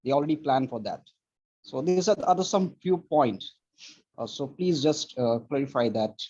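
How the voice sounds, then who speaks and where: Halting man from Pakistan on a call. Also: mid-range voice, expressive, a little mellow. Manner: halting, many "uh" fillers and restarts. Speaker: webinar host asking questions. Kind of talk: webinar question. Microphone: video call. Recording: lo-fi video call audio.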